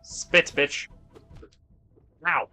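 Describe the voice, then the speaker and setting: Over soft background music, a man streams a video game and chats casually with viewers in a very slow, sharp-toned voice. He rambles, jokes, and swears a lot while reading chat.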